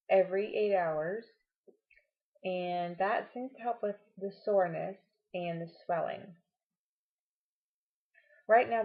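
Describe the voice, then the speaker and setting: A woman giving a casual, explanatory vlog update with reassuring advice, her speech affected by a swollen tongue. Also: lowish voice. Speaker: vlogger. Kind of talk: casual personal update to camera. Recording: dull, muffled lo-fi home recording.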